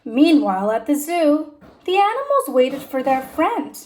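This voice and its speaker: A woman teacher reading a children's storybook aloud in an expressive, deliberate way with emphasized phrases. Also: high voice.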